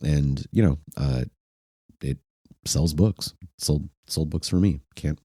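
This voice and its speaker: A man's voice: very deep voice, slow, warm tone, dry recording, clean studio sound. A man with a congested, stuffy-nosed voice who sounds sick, hosting a casual chat in a hesitant, loosely conversational way. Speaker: podcast host. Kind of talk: casual online group chat.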